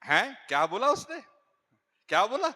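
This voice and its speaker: A man's voice: high-pitched, sing-song, a little slow, sharp tone, voice pushed up, heavily acted. A man doing an indignant, offended wife. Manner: indignant questioning. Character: angry middle-aged wife, loud and offended. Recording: echoey church hall.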